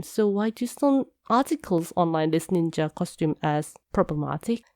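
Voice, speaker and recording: A woman's voice: mid-range voice, a little mellow, no echo, clean studio sound. A woman with a congested, nasal voice from a cold, explaining things in a scripted video talk. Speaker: video creator.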